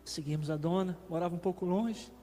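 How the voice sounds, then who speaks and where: A man's voice: sits high, brisk, warm tone. A Brazilian man preaching as a guest pastor, telling a personal testimony as a vivid storyteller who acts out the dialogue. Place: church sanctuary. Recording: reverberant church hall with faint music.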